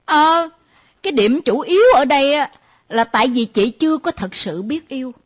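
This is a comedy sketch with a woman playing a teasing, nosy younger friend who speaks. Her voice is fairly high, and her pitch is very animated. The recording has a dull, lo-fi sound. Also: normal speed. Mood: mocking. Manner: teasing, lively, mimicking.

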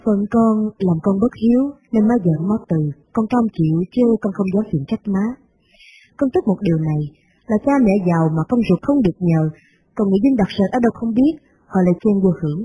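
A woman voicing a humble but resentful young adult son, with a measured, formal delivery. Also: medium pitch, expressive, dark tone, slightly rough, lo-fi sound. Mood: aggrieved, humble. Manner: measured, formal letter reading.

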